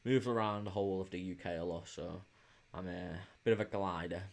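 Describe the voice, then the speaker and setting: A Liverpool man with a Liverpool English accent hosts a casual football watch-along stream, answering viewers' comments in an informal, hesitant way. His low-pitched voice is creaky and a little mellow, with a steady tone and a fairly quick pace.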